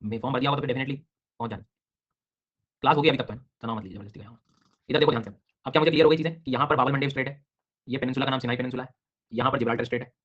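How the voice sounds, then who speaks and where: A man runs an online geography class, talking very fast and calling on students by name. His comes through as he explains and questions them. The recording is dull and lo-fi. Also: medium pitch. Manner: brisk, quizzing students by name. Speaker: teacher.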